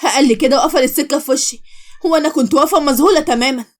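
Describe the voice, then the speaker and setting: A woman with an Egyptian Arabic accent narrating a story and voicing all of its characters. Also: sits high. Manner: quick, expressive, switches voices between characters.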